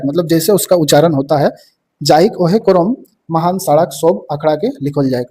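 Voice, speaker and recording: A man's voice: a little high, dark tone, slightly rough. A young man from teaching an exam-prep lesson, explaining each term and saying "ठीक है" again and again.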